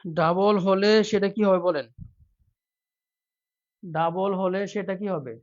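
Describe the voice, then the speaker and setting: A man teaches a live online class for job exams, drilling his viewers with the same question again and again. His voice sits high for a man. The stream audio is dull and lo-fi. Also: steady tone, slow. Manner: repeats questions over and over, quizzing viewers; reads viewer comments aloud, softer. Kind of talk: live online exam-prep lesson.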